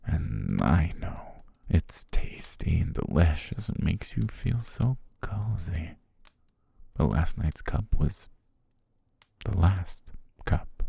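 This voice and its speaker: A man performs a heavily acted ASMR roleplay as a possessive, doting yandere butler, soothing but controlling, half-whispering intimately into a close microphone. His dark, mellow voice is very deep, breathy and husky with gravelly fry, slow, gentle and hypnotically coaxing, full of pet names and quietly possessive.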